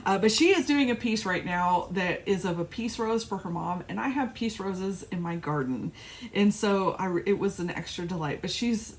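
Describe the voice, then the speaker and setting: A middle-aged flosstube vlogger casually chats about her cross-stitch, rambling with restarts and little laughs. Her voice is on the low side, and there's a little hiss or hum.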